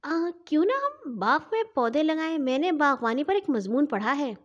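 A woman voicing an excitable, squeamish but bold young girl in a children's storybook. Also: high-pitched, dull audio, voice pushed up. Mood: eager.

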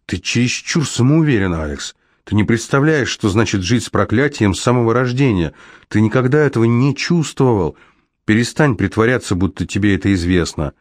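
A cursed young woman with a raised, sharp voice, as a man puts her on. She snaps and lashes out in sudden, resentful outbursts. The recording is dry and close, with no room sound. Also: on the low side, lively intonation, a little fast, dry recording, voice pushed up, lightly acted. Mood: angry. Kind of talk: audiobook character voice.

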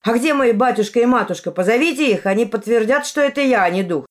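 A woman reading aloud, voicing a young village man who loudly pleads to be recognized. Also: fairly high pitch, lively intonation, fast, pitched above the performer's own voice, close to an everyday voice. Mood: pleading shouts. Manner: loud, pleading shouts. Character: young village man shouting his return home.

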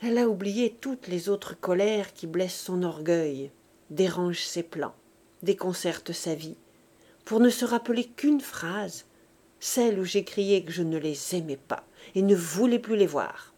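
A woman narrating an audiobook in a measured, expressive way. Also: on the low side. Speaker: audiobook reader.

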